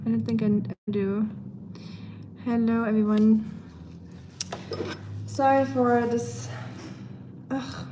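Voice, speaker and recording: A young German-accented woman washes up in her kitchen at home, chatting to her live stream viewers. Her slightly high voice stays fairly even, moving slowly with long pauses. Background noise and the clatter of dishes and cutlery fill the space.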